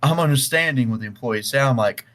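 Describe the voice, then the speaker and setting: A young adult man co-hosting a podcast and judging the game, telling a story in a casual, animated, heavily profane way with frequent restarts. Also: medium pitch, fast. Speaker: podcast co-host and judge.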